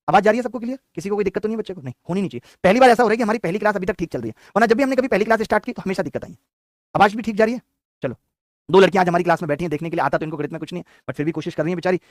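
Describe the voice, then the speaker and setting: A man teaching math, introducing a live exam-prep class in a rapid, exhortative lecturing manner. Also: high-pitched, no echo, studio quality.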